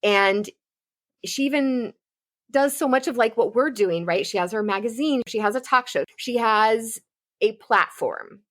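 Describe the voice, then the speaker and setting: A woman's voice: fairly high pitch, a little slow, fairly bright tone. A woman co-hosting a pop culture podcast, talking in a casual, fired-up and profane way. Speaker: podcast co-host.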